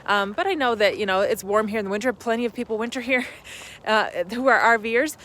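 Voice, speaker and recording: A woman's voice: on the high side, a little fast, a bit bright, slight background noise. A middle-aged woman talking to camera in a casual travel vlog, chatty and upbeat, a little out of breath, standing outdoors at an RV park. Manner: chatty, upbeat, laughs easily. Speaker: RV travel vlogger.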